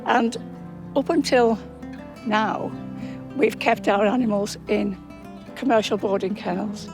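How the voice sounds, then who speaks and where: A woman in her seventies with a Cumbrian accent, talking casually to camera with halting pauses. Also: medium pitch, vocal fry. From Cumbria, England. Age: 70s. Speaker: animal rescue charity founder. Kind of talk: casual documentary interview. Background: music.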